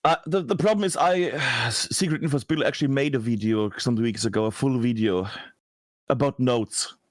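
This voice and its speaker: A man's voice: medium pitch, normal speed, dry recording. A man from Germany, German his first language, chatting bluntly as a podcast guest, swearing casually with many restarts. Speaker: podcast guest, game broadcaster.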